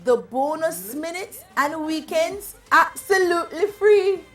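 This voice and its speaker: A woman with a high voice plays a store clerk in a scripted radio-style ad. She makes an upbeat sales pitch over faint music in the background. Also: animated, a little slow, a bit bright. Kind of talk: scripted ad dialogue.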